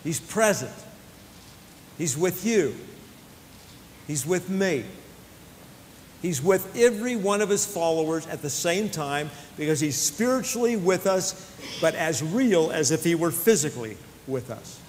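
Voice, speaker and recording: A man with a slightly high voice speaks earnestly to athletes and weaves personal stories into a faith-based talk. He often restarts his phrases and leans on small fillers. The recording carries a long hall reverb and a faint low rumble underneath. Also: lively intonation, measured pace, pauses often.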